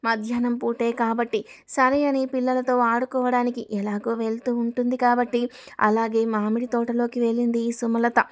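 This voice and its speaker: A woman telling a serialized story in a plain, steady reading voice. Her pitch sits a little high but barely rises or falls, so the narration moves on one level line. She speaks the characters' parts herself without changing voice much. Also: normal speed.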